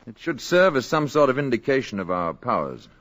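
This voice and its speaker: An actor playing a calm, aloof male alien visitor in a 1950s radio drama, speaking in a measured, quiet, grave way. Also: medium pitch.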